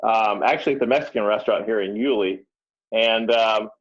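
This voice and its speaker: A man telling stories as a guest on a podcast, in a relaxed, easygoing way. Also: fairly low pitch, brisk. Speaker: podcast guest, real estate investor. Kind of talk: casual interview chat. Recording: dull lo-fi sound.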